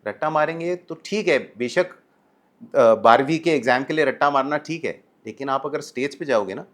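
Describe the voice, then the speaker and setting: A man with an Indian accent, a communication coach on a podcast, explaining things in a lively way and mixing Hindi with English. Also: medium pitch, normal speed. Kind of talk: podcast interview. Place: studio podcast set, indoors.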